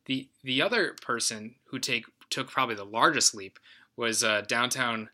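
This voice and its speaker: A man's voice: medium pitch, pushed and bright. A man co-hosting a sports podcast, talking up young players with enthusiasm in casual chat. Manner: enthusiastic, quick asides. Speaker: podcast co-host.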